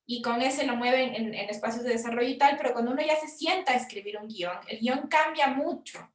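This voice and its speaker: A Chilean woman, a film producer, explaining funding forms in a frank, conversational workshop talk with quick asides. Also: on the high side, echoey room, far from the mic. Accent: Chilean Spanish.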